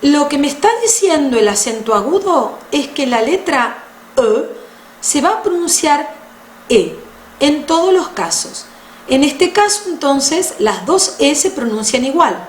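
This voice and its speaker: A woman with a high voice gives a patient French lesson, lingering over each sound. Her pitch rises and falls a lot as she explains. The room echoes, with a faint hiss and keyboard clicks behind her. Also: animated. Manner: patient, slow, spells out sounds. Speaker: French teacher. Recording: roomy echo with faint noise.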